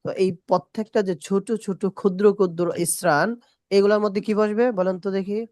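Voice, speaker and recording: A woman teaching a spoken English class, repeating short English phrases slowly and quizzing her students. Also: mid-range voice, steady tone, a little mellow, no room sound, clean studio sound. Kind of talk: classroom lesson.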